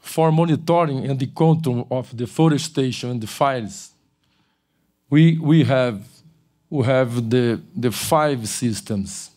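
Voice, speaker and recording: This conference lecture comes from an older man, the keynote speaker, standing at a podium microphone in a big auditorium. His voice is medium in pitch and a little mellow, and his delivery is halting, with frequent restarts and self-corrections.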